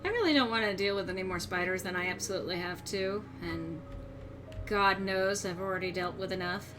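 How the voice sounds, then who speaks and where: A woman's voice: medium pitch, brisk. A woman streaming a video game, chatting and commenting casually. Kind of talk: casual gaming commentary and chat. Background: game music.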